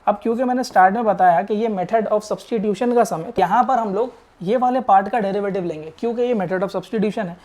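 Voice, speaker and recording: A man's voice: high-pitched, brisk, a little mellow. A man teaching maths in a recorded online lecture, explaining step by step, asking rhetorical questions, and mixing English maths terms into his Hindi.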